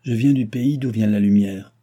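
A man voicing a calm, disdainful, mysterious male stranger in an audiobook, with a husky voice and a proud, defiant, commanding manner. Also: fairly low pitch, moderate pace, lightly acted. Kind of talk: audiobook reading.

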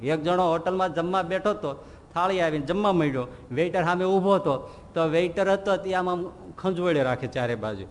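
This high, brisk male voice belongs to a swami delivering a scripture talk, where he performs the people in his comic stories and chuckles along. The hall's long reverb and slight background noise surround him.

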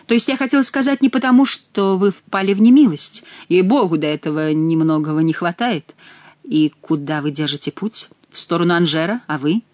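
A woman reading an audiobook and voicing a young noble wife who speaks eagerly and lively. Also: on the low side, fairly quick, no echo, natural voice. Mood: warm. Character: Jeanne, young noble wife, anxious and affectionate.

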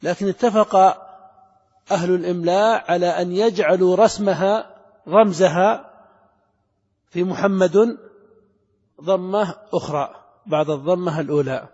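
Explaining grammar to a class, a middle-aged man speaks at normal speed with long pauses, his high voice darkish in tone with a breathy edge. He asks his students questions and repeats the key words for emphasis, captured in a lo-fi lecture hall recording with long reverb.

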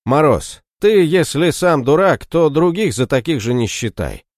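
A man's voice: a little high, sing-song, a little slow, darkish tone, no room sound, studio quality, voice pushed up. A man voicing a sly, mocking male captive healer who taunts his captors in an audiobook story. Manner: taunting, scornful.

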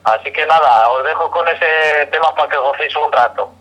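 A man's voice: a little high, moderate pace, pushed and bright, poor audio. A man calling in to a live radio show over the phone, joking cheekily and crudely with the hosts.

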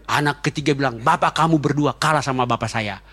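Male pastor, quick and chatty, jokes through his sermon. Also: medium pitch, pushed and bright. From Indonesia. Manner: fast-talking, joking, chatty storytelling.

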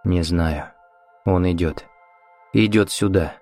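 A man voicing a frightened, hypnotized man in a horror audiobook, speaking in a halting, fearful way. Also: sits low, darkish tone, soft background music, exaggerated voice. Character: frightened hypnotized man reliving a dark night.

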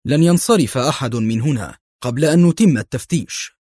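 A man voicing a calm, shrewd police inspector in an audiobook story, speaking quietly, slowly and sternly. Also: mid-range voice, husky, no room sound, clean studio sound.

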